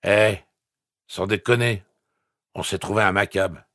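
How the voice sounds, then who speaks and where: A man voicing a drunken middle-aged rancher who rambles excitedly on a phone call. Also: lowish voice, a little slow, no room sound, studio quality, voice pushed up.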